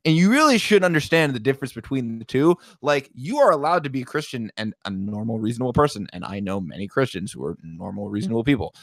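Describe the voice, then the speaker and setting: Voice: mid-range voice, lively intonation, quick pace, few pauses, no echo. A young adult podcast co-host in casual chat, emphatic and ranting, leaning on "like".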